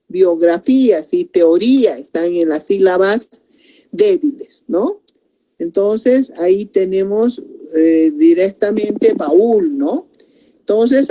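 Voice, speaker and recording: A woman's voice: medium pitch, dark tone. A woman teaching a grammar lesson, explaining step by step and breaking words into syllables.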